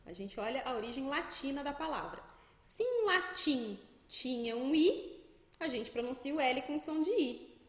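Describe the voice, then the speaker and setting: Lively Brazilian woman teaching French. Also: high voice, a little slow, reverberant. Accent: Brazilian Portuguese. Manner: lively, emphatic, playful teaching. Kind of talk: pronunciation lesson to camera.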